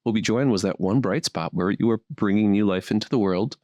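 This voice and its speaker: A Brazilian-born man in his thirties who grew up in Miami appears as a guest on a relaxed podcast interview, where he's a fertility doctor telling his story. His voice is fairly low, fast and a little mellow, and he comes across as chatty and upbeat with self-deprecating humor. The recording is dry.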